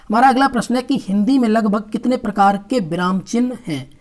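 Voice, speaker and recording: A woman's voice: on the high side, a little fast, a little mellow. Woman teacher going through exam questions. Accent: Hindi. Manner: addresses viewers as friends, explains step by step. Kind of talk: exam-prep lesson, reading out questions and answers.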